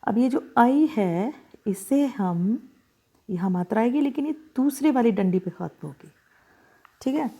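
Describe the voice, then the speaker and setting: Slow, patient Hindi teacher woman. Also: a little high, lively intonation, mellow, husky. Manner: slow and deliberate, drawing out each vowel sound, checking in with "ठीक है?". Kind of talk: slow, patient handwriting lesson for children.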